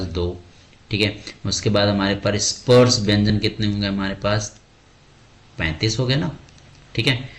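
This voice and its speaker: A man teaches an exam-prep grammar lesson in a rather low voice. He keeps asking rhetorical questions and answering them himself, with a friendly "bhai" thrown in. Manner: addresses students as "bhai".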